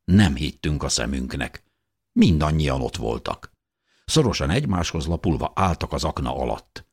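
A man reading a first-person audiobook in a steady, measured way. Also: a bass voice, husky. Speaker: audiobook narrator.

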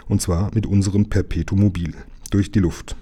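A man reading a storybook aloud, voicing a sturdy adult engine driver who grumbles low and unhurried. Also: fairly even intonation, dark tone, slightly rough. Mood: steady.

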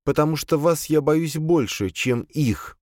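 A man's voice: on the high side, lively intonation, measured pace, darkish tone, no room sound, clean studio sound, pitched above the performer's own voice. A man voicing a young female demon disguised as a servant, speaking meekly and deferentially in an audiobook. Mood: frightened. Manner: timid, deferential, pleading.

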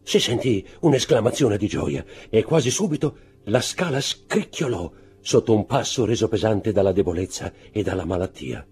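A man giving expressive, theatrical audiobook narration in a measured way. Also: on the low side, breathy edge, soft background music. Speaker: audiobook reader.

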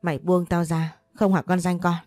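A woman's voice: lowish voice, level tone, normal speed, darkish tone, no echo, clean studio sound, natural voice. A woman voicing a spiteful, cruel young aunt who talks in harsh, contemptuous threats in an audio story. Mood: sneering threats.

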